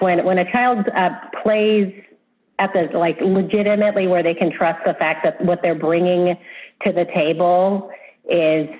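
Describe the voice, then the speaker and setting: Woman game designer, kinda low voice, stumbles and restarts a lot, tinny phone-like call audio. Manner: hesitant, many restarts. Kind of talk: casual interview talk.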